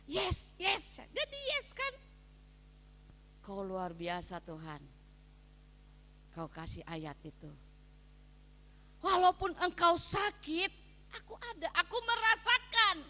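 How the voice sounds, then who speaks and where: A woman pastor preaching a sermon, swinging between soft asides and loud, emphatic calls to her listeners. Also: high-pitched, a little hiss or hum. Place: prison hall, preaching to inmates. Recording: long hall reverb.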